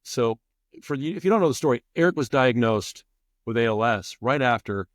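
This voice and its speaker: Expressive and medium-pitched, the middle-aged man speaks at normal speed on a dry, clean studio recording. A former public address announcer, he is a guest on a podcast, and the spirited, conversational interview has him emphatic and repeating phrases for stress.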